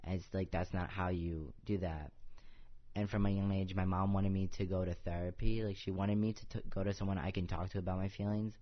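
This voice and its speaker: A man's voice: deep voice, flat delivery, a little fast, muffled recording. A young man telling his personal story as a podcast guest, earnest and casual, leaning on "like" in almost every phrase. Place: office podcast set.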